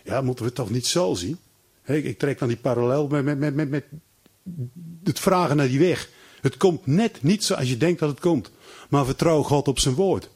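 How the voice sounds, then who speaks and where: A man preaching a sermon, retelling a scripture story with lively acted-out voices and frequent stammered restarts. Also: mid-range voice, normal speed, breathy edge.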